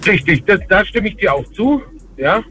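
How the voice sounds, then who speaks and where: A man's voice: sits high, sing-song, moderate pace, pushed and bright, soft background music. A man calling in to a radio show over a phone line from the road, talking hesitantly with many fillers. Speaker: radio call-in caller. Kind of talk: casual call-in chat.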